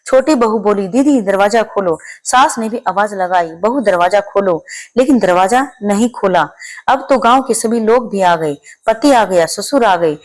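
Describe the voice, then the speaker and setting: A woman's voice: mid-range voice, moderate pace. Hindi woman narrating a devotional tale. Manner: expressive, acts out characters' pleas. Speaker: storyteller.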